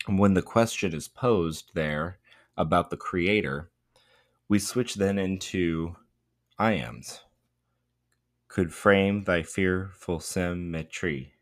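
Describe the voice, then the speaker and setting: A man teaching English, explaining a poem in a thoughtful, unhurried way with frequent fillers and restarts. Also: low-pitched, no room sound, studio quality. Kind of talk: spoken poetry lesson.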